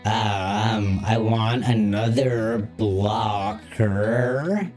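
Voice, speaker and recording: A man's voice: fairly low pitch, extremely slow, a little mellow, faint music behind. A man talking through a voice modulator filter, thinking aloud through each move as a streamer in casual gameplay commentary. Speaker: streamer playing a card game.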